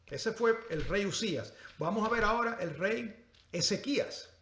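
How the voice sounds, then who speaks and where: A man with a high, ringing voice delivers a passionate sermon, swinging between loud peaks and hushed, drawn-out phrases. He speaks straight to his listeners with pointed questions, and the sound carries the echo of a large room. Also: animated. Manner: impassioned preaching, rising and falling volume, drawn-out emphasis; addresses the congregation directly with rhetorical questions. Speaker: pastor.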